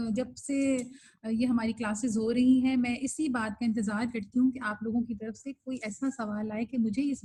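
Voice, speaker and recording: A woman's voice: fairly high pitch, darkish tone, low-quality recording. A woman teaching an online recitation class, explaining things patiently and mixing English terms into her speech.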